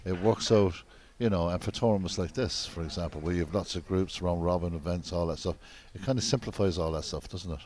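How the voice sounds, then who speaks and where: A man with a very low voice commentates on live snooker. He talks in a measured, conversational and understated manner, with some background noise from the venue around him. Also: darkish tone.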